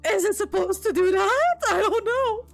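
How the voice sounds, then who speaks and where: Soft music plays behind a woman with a very high voice and some vocal fry as she reads a visual novel aloud during play. At a moderate pace she narrates expressively, reacting with exclamations and the odd casual swear word.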